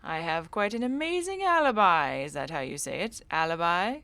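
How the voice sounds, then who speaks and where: A woman's voice: lowish voice, big pitch swings, moderate pace, gravelly, fairly bright tone, no echo, exaggerated voice. A woman voicing a sly, theatrical male cultist in a game, with polished, mock-formal phrasing. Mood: pompous.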